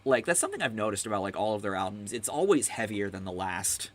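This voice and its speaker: A man's voice: lowish voice, big pitch swings, quick pace. A young man hosting a casual music tier-list chat, rambling and enthusiastic, full of fillers, swearing now and then. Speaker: host.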